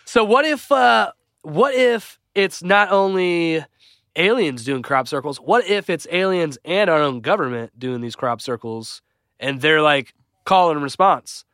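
A man co-hosting a casual podcast, tossing out excitable speculative ideas and swearing casually. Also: on the high side, unhurried, no echo, clean studio sound. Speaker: podcast co-host.

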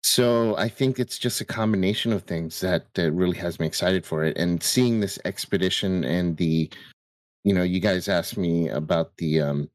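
A man's voice: sits low, normal speed, dry recording. A man co-hosting a podcast, sharing his thoughts in casual discussion. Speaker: podcast co-host.

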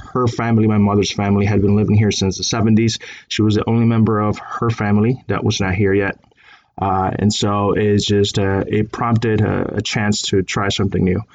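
A man in his thirties from Colombia, talking in a measured interview with many fillers. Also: on the low side, little pitch movement, dull audio. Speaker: guest. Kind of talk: conversational interview.

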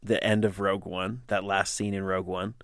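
A young adult man chatting casually as a podcast co-host, excitable and quick to laugh, his voice jumping up when he gets enthused. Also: low voice, gravelly, clear, resonant tone, no room sound, clean studio sound. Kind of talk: casual chat.

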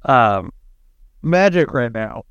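A man's voice: mid-range voice, slow, clear, resonant tone, no room sound, lo-fi sound. A man hosting a podcast, chatting casually in slang and swearing, acting out quotes as he tells stories. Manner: animated, slangy, sweary retelling with acted-out quotes. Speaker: podcast host. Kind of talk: casual chat and storytelling.

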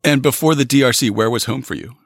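A man hosting a history podcast, reading announcements and then interviewing a guest in a measured way. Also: mid-range voice, no echo. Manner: measured, reads announcements then asks questions. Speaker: podcast host. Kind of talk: scripted podcast intro and interview.

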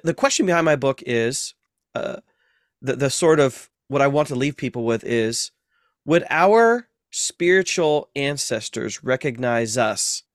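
A man's voice: medium pitch, no room sound, clean studio sound. A man who is a seminary professor, a guest on a podcast, explaining ideas patiently with everyday comparisons. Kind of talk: explanatory interview talk.

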